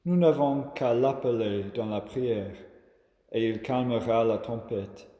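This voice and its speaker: A man from Australia delivers a reflective homily at an unhurried, deliberate pace. His voice is mellow and dark, and it rings out with a long reverb, as if spoken in a large echoing space. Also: mid-range voice. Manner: slow, measured and calm. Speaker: preacher. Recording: echoey room with long reverb.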